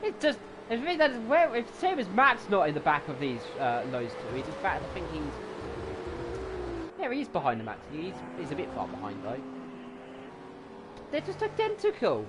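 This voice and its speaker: High-pitched man, excitable motorsport commentator. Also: moderate pace, long pauses. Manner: excitable, exclaiming play-by-play. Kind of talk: live motorsport race commentary. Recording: noisy, car engine sound behind.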